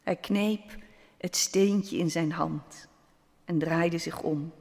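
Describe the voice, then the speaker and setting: Male storyteller, unhurried and gentle, long hall reverb on the voice. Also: on the high side, fairly even intonation, creaky. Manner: slow, gentle, dramatic pauses. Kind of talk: scripted story narration.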